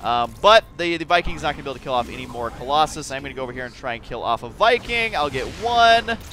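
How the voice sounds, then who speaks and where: A man's voice: mid-range voice, expressive, quick pace, pushed and bright. A man giving casual game commentary, explaining his thinking in a restless way with frequent restarts. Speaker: host.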